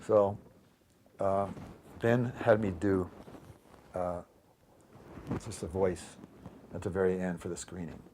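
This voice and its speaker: Rambling low-voiced man telling stories. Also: steady tone, slow pace, long pauses, mellow, a little hiss or hum. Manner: meandering, full of ums and restarts. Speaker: interviewee. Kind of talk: casual storytelling interview.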